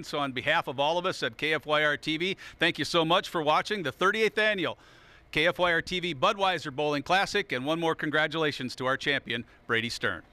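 Male TV sports host, upbeat and laughing easily; very bright, crisp, clear delivery. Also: a little high. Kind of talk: post-tournament interviews and trophy presentation.

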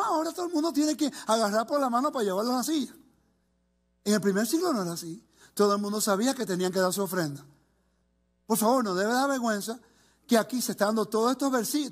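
A man teaching a congregation in an animated way, slipping English words into his Spanish. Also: high voice. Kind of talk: lively Bible teaching.

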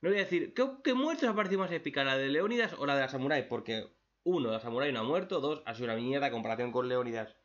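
Male anime reactor, bright lively delivery, swears a lot, muffled home mic. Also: fast talker. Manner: profane, mocking, acts out characters in shrill high voices. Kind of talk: casual anime recap and rant.

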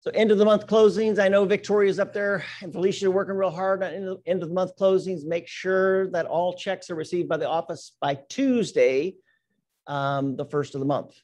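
This is a man leading an office team meeting, his voice sitting slightly high. He moves through announcements and birthday shout-outs in an upbeat, teasing way, checking in with the room with quick "right?" asides. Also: steady tone. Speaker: meeting leader.

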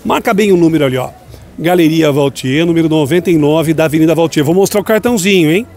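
A shopping vlogger strolls through a busy city street's outdoor night market, filming with a handheld phone and chatting with vendors. His voice is a little high and darkish, his pace quick, and he keeps an upbeat, chatty tone, often calling his audience "gente."

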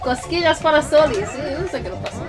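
A woman streamer giving excitable, giggly live commentary on a game, mixing English and Spanish. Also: high-pitched, very fast, a loud crowd. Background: loud game music.

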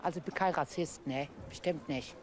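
A woman's voice: low voice, brisk, a little hiss or hum. A woman passerby speaking bluntly and arguing her case in an outdoor street interview. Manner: blunt, argumentative.

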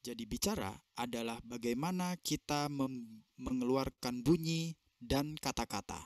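A man's voice: medium pitch, unhurried, no echo. Male interpreter, dry close sound, phrase-by-phrase interpretation with fillers over a video call. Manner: translates in phrases with fillers and self-corrections. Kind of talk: consecutive interpretation.

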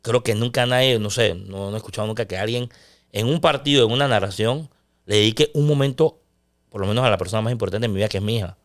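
Man, middle-aged, sports commentator, loud intense delivery, casual interview talk. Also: fairly low pitch, fast talker.

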